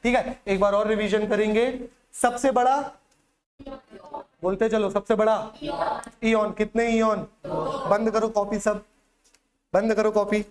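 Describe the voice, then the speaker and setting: A man's voice: high voice, flat delivery, measured pace, pauses often. A male teacher lecturing a classroom in Hindi, quizzing students with repeated questions and memory tricks, with a Chhattisgarh accent. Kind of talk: classroom lecture with call-and-response drills.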